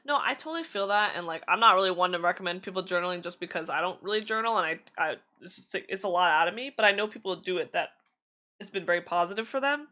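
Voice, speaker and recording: A woman's voice: on the low side, animated, fast talker, pushed and bright. A woman streaming tarot readings in casual chat, chatty and giggly with lots of fillers, her voice slightly strained.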